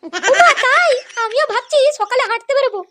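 A woman playing a coy flirty sister-in-law, very high. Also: expressive, a little fast, bright, forceful tone, heavily acted. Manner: coy, teasing. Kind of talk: comic cartoon voice acting.

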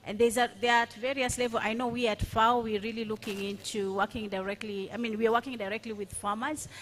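A woman's voice: a little high, steady tone, fairly quick, a bit bright. A woman panelist at a conference speaking on a handheld microphone, hesitant, with many fillers and restarts. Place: large conference hall stage.

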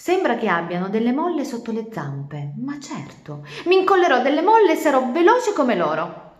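A woman's voice: huge pitch swings, extremely slow, exaggerated voice. A woman doing a stubborn young tortoise girl. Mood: determined. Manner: high, loud and insistent, bossy. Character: young female tortoise, stubborn and hot-tempered. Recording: roomy echo.

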